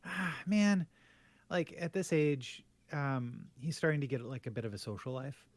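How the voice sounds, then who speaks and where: A man's voice: a little high, normal speed, no echo. A middle-aged man co-hosting a podcast, telling family stories in casual chat with lots of restarts and laughter. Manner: rambling with many restarts and laughs. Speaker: podcast co-host.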